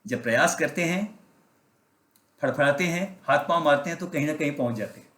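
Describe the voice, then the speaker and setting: A male preacher telling a story as a sermon, slowing down for emphatic English phrases and asking his listeners questions. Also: on the high side, fairly bright tone. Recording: echoey room.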